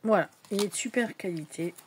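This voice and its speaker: A woman's voice: medium pitch, fairly quick, a little mellow, slight background noise. Chatty woman showing tarot decks. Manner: chatty, hesitant, many fillers, drops to whispers at times. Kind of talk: casual show-and-tell vlog.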